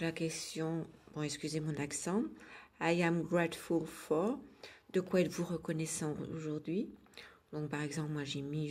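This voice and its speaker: Soft-spoken woman with a warm, low voice. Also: breathy edge. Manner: gentle, hesitant, with many fillers. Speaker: vlogger presenting her daily routine. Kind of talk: casual chat.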